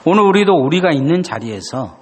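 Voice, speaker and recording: A man's voice: on the high side, very animated, a little fast, breathy edge, long reverb tail. A male pastor preaching a sermon, dramatically acting out the questions God and the prophets ask. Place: church sanctuary.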